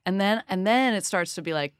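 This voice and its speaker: A woman guest from Detroit, telling self-deprecating stories in a lively, animated way with acted-out voices. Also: mid-range voice, fairly quick, clear, resonant tone, no echo, studio quality. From Detroit, Michigan. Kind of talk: casual interview storytelling.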